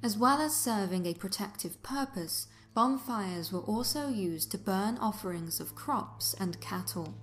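A woman reading a scripted documentary narration in a measured, formal and articulate way. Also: mid-range voice, lively intonation. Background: music under the voice.

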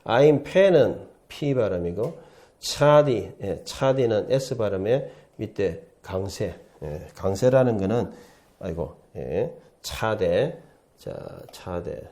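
A man's voice: lowish voice, expressive, slow pace, mellow. A man who teaches as a professor, giving a chatty, repetitive lecture at a writing board in a studio. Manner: chatty, repetitive, often starts with "자" and "예". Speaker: Hebrew professor teaching the alphabet. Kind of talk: casual classroom lecture.

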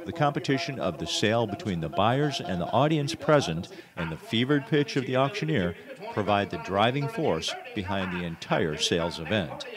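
Low, lively American male reporter. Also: normal speed. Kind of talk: scripted news feature narration. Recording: crowd noise behind voice-over. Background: event crowd.

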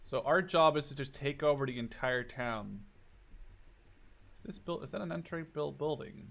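He's a man in his twenties, a Dutchman living in Canada, offering casual, sweary gameplay commentary as a gaming video host, recorded indoors as a voiceover. His medium-pitched voice has vocal fry and a fairly bright tone at normal speed.

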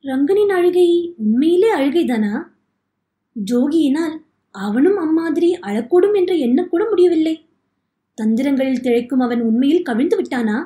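A woman narrates a novel in a steady storytelling manner. Her voice is high-pitched and mellow. The recording rings with room echo. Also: moderate pace. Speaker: audiobook narrator. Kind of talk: scripted narration. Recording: echoey room.

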